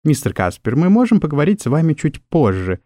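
A man voicing a timid, nervous young female secretary who speaks in a small, squeaky way. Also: big pitch swings, brisk, warm tone, no echo, studio quality.

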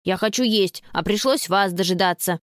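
A woman's voice: mid-range voice, moderate pace, no echo, studio quality, lightly acted. A woman voicing a hungry, grumpy little boy in a storybook reading, in a blunt, sulky way.

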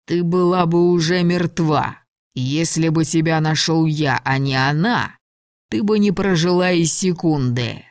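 A woman's voice: sits low, unhurried, no echo, clean studio sound. A woman voicing a cold, stern male dragon lord who gives icy, clipped commands. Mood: cold, angry.

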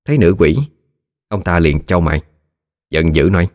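A man narrating a ghost story in a lively, colloquial way. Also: deep voice, moderate pace, no echo, clean studio sound.

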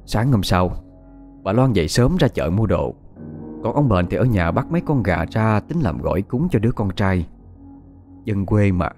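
A man narrating a ghost story in a steady, somber way. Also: lowish voice. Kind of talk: scripted horror narration. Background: faint music.

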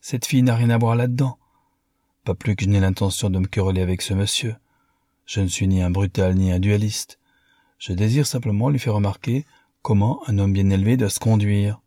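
Man voicing a haughty young count, disdainful, low pitch, dark tone, audiobook. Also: steady tone, a little fast, no room sound, studio quality, close to an everyday voice. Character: proud young French count, haughty aristocrat.

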